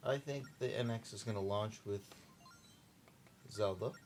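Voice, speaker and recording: On a marathon stream, a young man plays through a game and jokes around with its characters in relaxed chatter. He speaks unhurriedly in a lowish, somewhat mellow voice, and a little hiss or hum can be heard.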